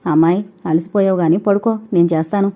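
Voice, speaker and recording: A woman voicing a kind, mild older mother-in-law who speaks softly and soothingly, on a dull lo-fi recording. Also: lowish voice, steady tone, fast, natural voice. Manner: soft soothing.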